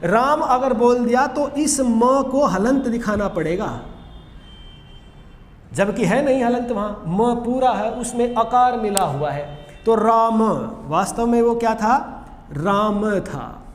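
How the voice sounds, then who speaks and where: A man teaching a grammar lesson in a classroom style, explaining slowly and repeating the key points. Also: very high-pitched. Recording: echoey room with long reverb, faint noise.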